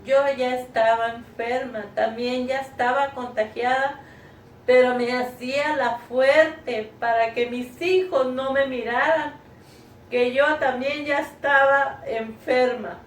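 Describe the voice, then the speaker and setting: A middle-aged woman tells her church a personal testimony in an earnest, tearful manner, calling her listeners brothers and sisters. Her voice sits high and she speaks slowly. She was recorded from a distance at home, so the sound is roomy and carries a faint background noise. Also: steady tone. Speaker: church member giving testimony. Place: living room at home.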